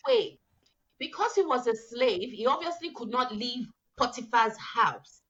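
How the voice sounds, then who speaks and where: A woman's voice: on the high side, expressive, unhurried, dull audio, a crowd in the background. A woman from Nigeria co-hosting a casual chat, making earnest points and drawing on the Bible. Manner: earnest, preachy, cites the Bible. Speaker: co-host.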